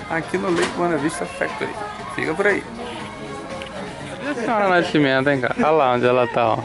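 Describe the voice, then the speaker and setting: A Brazilian vlogger gives a cheerful, chatty tour of outlet stores on a handheld camera, pointing out things as he goes. His voice is fairly high, and the recording is rough.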